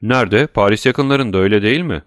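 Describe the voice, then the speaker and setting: A man's voice: lowish voice, fast, no room sound, clean studio sound, natural voice. A man reading an audiobook, voicing a proud, uneasy royal prosecutor who speaks formally and breaks into tense exclamations.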